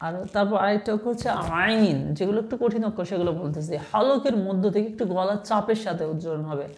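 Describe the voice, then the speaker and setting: A woman teaching Arabic letter pronunciation in an online Quran class, patiently modelling each letter slowly and often checking with the listener. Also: mid-range voice, a little mellow. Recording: echoey room.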